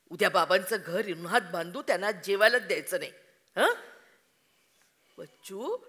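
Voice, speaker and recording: A doting anxious mother, slow. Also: fairly low pitch, bright, forceful tone, heavily acted. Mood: alarmed. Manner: coaxing, emotional, slow and deliberate. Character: anxious devoted mother of a troubled son. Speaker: actor in a staged reading. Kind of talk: live stage drama reading. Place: festival auditorium stage. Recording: long hall reverb.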